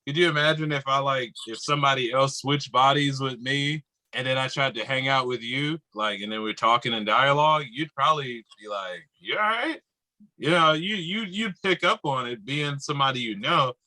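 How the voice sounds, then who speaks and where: A man's voice: mid-range voice, normal speed, hardly any pauses, sharp tone, dry recording, low-quality recording. A man co-hosting a casual podcast over a video call, talking loosely and rambling, often breaking into laughs. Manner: loose, rambling talker who laughs easily. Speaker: podcast co-host.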